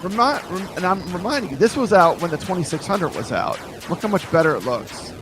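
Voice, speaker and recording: A man's voice: sits high, sing-song, brisk, music in the background. A man hosting a casual live chat, showing retro games with eager, rambling talk. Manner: enthusiastic, rambling, repeats words. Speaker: host reviewing a retro console. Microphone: streaming with camera.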